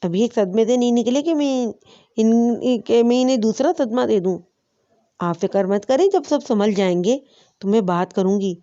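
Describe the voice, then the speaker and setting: A woman's voice: fairly high pitch, highs cut off, close to an everyday voice. A woman reading as a devoted submissive young wife. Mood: deferential. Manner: gentle, deferential.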